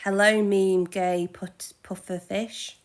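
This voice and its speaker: A woman in her twenties chatting casually on a live Q&A stream, halting and correcting herself now and then. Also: mid-range voice, level tone. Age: 20s. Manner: halting, self-correcting, with soft asides. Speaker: livestreamer.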